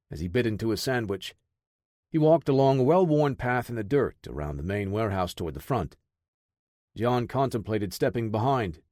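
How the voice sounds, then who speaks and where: A man narrating an action audiobook in a steady, dramatic storytelling manner. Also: medium pitch, no echo, studio quality. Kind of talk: scripted narration.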